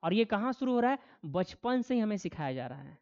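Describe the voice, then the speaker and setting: Guy teaching a class, keeps asking questions n answering them, lively, kinda muffled dry sound. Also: high-pitched, fairly quick, no room sound. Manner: asks students questions and answers them himself; animated, acts out quoted voices. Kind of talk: classroom lecture.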